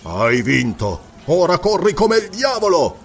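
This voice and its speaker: A hot-tempered barbarian chief who swears and barks his resolve in a lively, rising voice, as the male narrator voices him. His lines swing up and down with a raised, gruff edge. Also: sits high, measured pace, recorded from a distance, a little hiss or hum, full character voice. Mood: urgent. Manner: blunt, cursing, gruff. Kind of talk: audiobook character voice.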